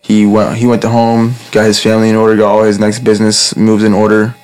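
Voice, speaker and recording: A man's voice: fairly low pitch, completely flat delivery, quick pace, a little mellow. A young man chatting casually in slangy, profane bro talk. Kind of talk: casual group chat about rap.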